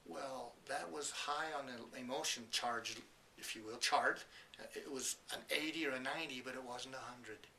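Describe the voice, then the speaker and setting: Brief: male motivational speaker, emphatic and earnest, very bright voice, mic a bit far, faint hiss. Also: mid-range voice, moderate pace. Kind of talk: motivational talk to camera.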